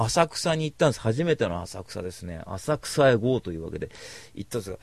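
A man's voice: lowish voice, a little mellow, no room sound. A man rambling through a casual storytelling monologue, blunt and slangy, calling himself a cynic. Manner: slangy rough speech.

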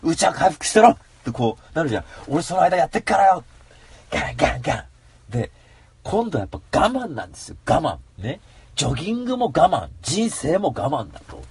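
A man telling a story in a casual solo monologue, animated and given to mock rants. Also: fairly high pitch, breathy edge, no echo.

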